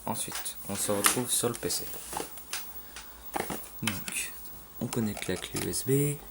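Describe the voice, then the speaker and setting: A man casually talking through a game tutorial, halting with fillers and loose slang, filmed on a phone at a home computer. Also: on the low side, creaky. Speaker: gaming tutorial maker. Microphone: phone filming a screen. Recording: phone recording with faint room noise.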